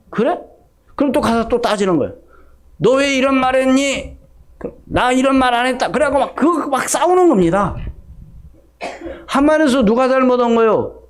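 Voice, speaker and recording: A middle-aged male pastor delivers a conversational Sunday sermon, acting out snippets of gossipy everyday dialogue. His voice is high-pitched with a darkish tone.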